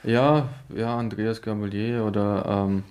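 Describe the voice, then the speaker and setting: A man's voice: on the low side, fairly even intonation, unhurried, darkish tone, slight background noise. A young man from Bosnia chatting casually, hesitant and often unsure of himself. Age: young adult. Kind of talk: casual chat.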